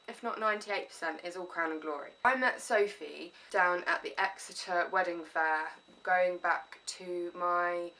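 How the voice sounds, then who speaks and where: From England, a chatty woman films a casual haul video in a room at home, sniffly and stuffy with a head cold. She rambles with enthusiasm and a self-deprecating streak in a lowish, sharp-toned voice, sitting a little distant from the mic.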